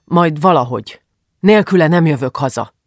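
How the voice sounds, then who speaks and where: Brief: male reader doing a protective, commanding father, gruff rumble, dry close sound. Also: expressive, no echo, lightly acted. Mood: stern. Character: stern, angry middle-aged father, protective.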